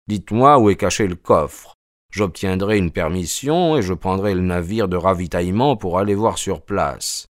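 A man's voice: deep voice, normal speed, no room sound, clean studio sound, lightly acted. A man reading an audiobook, voicing a greedy, impatient army officer in a commanding tone. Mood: brisk. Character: scheming British army officer, middle-aged man, greedy.

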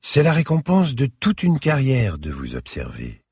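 A man reading aloud, voicing a refined sixty-five-year-old woman curator with a clear, slightly hissing voice and polite, formal manner. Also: medium pitch, huge pitch swings, a little slow, a little mellow, no echo, studio quality, pitched above the performer's own voice, exaggerated voice. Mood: courteous.

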